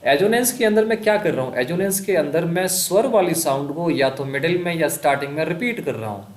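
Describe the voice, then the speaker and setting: A male English teacher explains the terms in Hindi, then reads the English examples slowly and clearly. He keeps asking questions and answering them himself. His voice sits a little high and rings in an echoey room. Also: expressive, a little hiss or hum. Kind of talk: exam-prep lesson.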